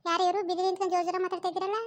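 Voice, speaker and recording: A woman voicing a nosy older village auntie who calls out in drawn-out rural tones. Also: extremely high pitch, level tone, voice pushed up.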